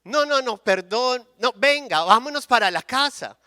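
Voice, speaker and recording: A preacher briefly plays a grateful king, a man pressing his invitation over and over in an eager, high, bright voice. The tone is crisp and the sound dry, close to the mic. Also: lively intonation, a little slow, no echo, full character voice. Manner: eager, insistent pleading. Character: grateful king pleading with a prophet.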